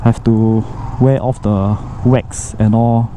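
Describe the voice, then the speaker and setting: A man's voice: on the low side, fairly even intonation, slow. A Singaporean man chatting casually as a motovlogger, rambling colloquially with local particles and exclamations, his voice muffled inside a helmet. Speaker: motorcycle vlogger. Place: outdoors, riding a motorcycle inside a helmet. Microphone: microphone inside a motorcycle helmet. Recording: muffled helmet mic, road and engine noise. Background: traffic and vehicle noise.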